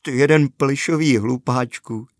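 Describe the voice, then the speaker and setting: Man doing a young girl, excitable, high, exclaiming, storybook, dry recording. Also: no echo, close to an everyday voice. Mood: cheerful.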